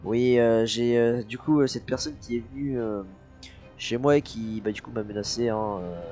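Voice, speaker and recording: A man's voice: medium pitch, fairly even intonation, moderate pace, warm tone, soft background music, lightly acted. A man voicing a scheming youtuber in a Minecraft role-play, bossing and threatening in casual slang. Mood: smooth-talking. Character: scheming male youtuber framing a friend.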